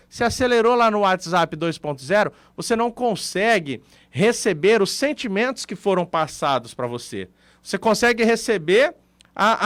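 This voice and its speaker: A man's voice: sits high, fairly bright tone, dry recording. A man with a Brazilian Portuguese accent, co-hosting a radio talk show and explaining his points with everyday examples.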